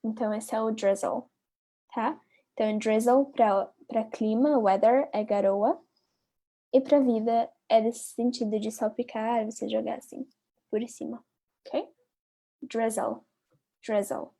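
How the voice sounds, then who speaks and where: A woman with a Brazilian Portuguese accent teaching a live online English lesson. She repeats each word slowly and talks directly to her viewers. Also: a little high, steady tone, dark tone. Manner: patient, drills words by repeating them slowly, chatty asides to viewers.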